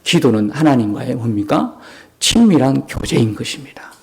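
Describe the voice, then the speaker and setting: A man's voice: mid-range voice, very animated, moderate pace. A male pastor, preaching a sermon in an emphatic storytelling manner and acting out prayers in shifting tones. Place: church sanctuary.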